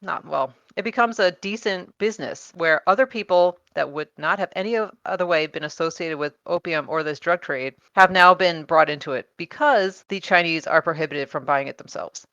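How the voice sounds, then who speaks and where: A woman's voice: fairly low pitch, moderate pace, hardly any pauses, sharp tone, no echo, muffled recording. A woman co-hosting a podcast, explaining her research in casual chat with many fillers and frequent laughs. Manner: chatty, laughs often, many fillers and restarts.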